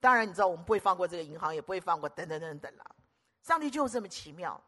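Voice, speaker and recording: A woman's voice: on the low side, animated, racing, sharp tone. An older woman preaching a sermon, emphatic, repeating phrases in lists and putting questions to the audience.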